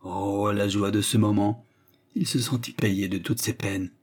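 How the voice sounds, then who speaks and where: A man narrating a novel in measured, scripted storytelling. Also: on the low side, fairly even intonation, darkish tone. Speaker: audiobook narrator.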